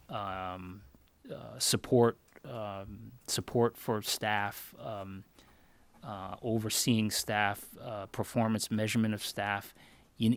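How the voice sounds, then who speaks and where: A man from Connecticut answering interview questions in an earnest, measured way as a job candidate. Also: on the low side, no room sound. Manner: earnest, measured, thinks aloud. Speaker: job candidate for town manager.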